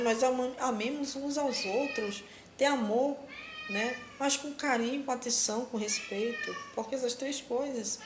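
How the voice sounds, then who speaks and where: A woman's voice: on the high side, reverberant, a little hiss or hum. A woman giving religious advice on a live stream, urging her listeners as brothers and sisters and repeating herself for emphasis. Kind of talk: casual preaching on a live stream.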